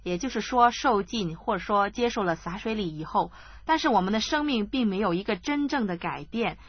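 A woman co-hosting a scripture discussion, her voice slightly husky and at a medium pitch. She speaks in a calm, measured way, often just giving short affirmations. The sound is dry and a bit muffled. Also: no room sound. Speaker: co-host asking questions. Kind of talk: Bible discussion.

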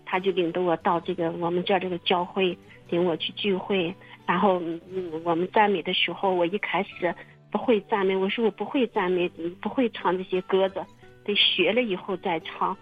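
Woman, halting, repeats words, husky, phone-line sound, faint music behind. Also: on the low side, steady tone. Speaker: testimony guest. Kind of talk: casual personal testimony. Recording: muffled phone-line radio recording.

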